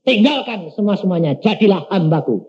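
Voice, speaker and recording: A man voicing God, calm and commanding. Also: high voice, moderate pace. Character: God, a patient, commanding divine voice. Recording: dull lo-fi recording.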